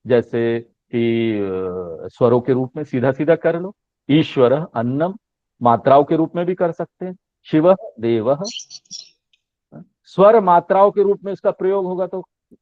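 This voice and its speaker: A man's voice: medium pitch, dry recording. Man teaching over a tinny line. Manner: drawn-out recitation of letters with rising questions. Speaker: Sanskrit teacher. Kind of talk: explaining a language lesson. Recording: tinny phone-line sound, dry.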